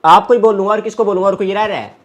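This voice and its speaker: A man's voice: high voice, racing. A young man at home in his bedroom, staging a prank argument and curtly telling his sister to leave. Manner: curt, repeatedly ordering her out. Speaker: prankster vlogger. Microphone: fixed camera across the room.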